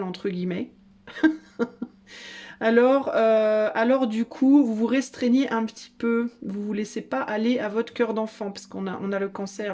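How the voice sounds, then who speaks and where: A woman's voice: a little high, warm tone. A woman giving a casual tarot reading in a playful, chatty way, teasing her listeners and laughing often. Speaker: tarot card reader.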